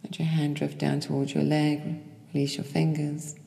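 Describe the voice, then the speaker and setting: A yoga instructor giving slow, calm, short cues for a guided breathing practice. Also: medium pitch, gravelly. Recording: echoey hall with long reverb.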